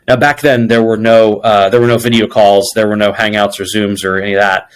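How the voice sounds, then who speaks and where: Speaking briskly in a lowish, level voice, this man is an interview guest who works as a people executive. He responds conversationally and reflects through stories that include bits of quoted dialogue, with slight background noise audible.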